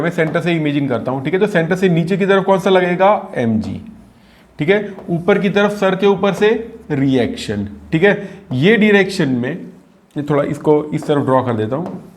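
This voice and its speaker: A man teaching a physics lesson. He asks rhetorical questions and slows down to read out equations. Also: on the high side, a little mellow. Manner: mixes English formula reading with explanation, asks rhetorical questions.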